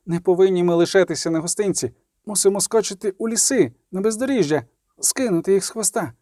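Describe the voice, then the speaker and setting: A man's voice: sits high, quick pace, mellow, no echo, studio quality, pitched above the performer's own voice, lightly acted. A man reading aloud, voicing a brash young woman archer who speaks breathlessly and presses hard. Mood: urgent.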